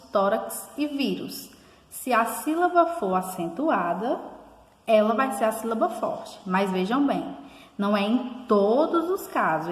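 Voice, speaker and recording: A woman teacher giving a recorded online lesson, slowing down and stressing the example words as she calls them out. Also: a little high. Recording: echoey room with long reverb.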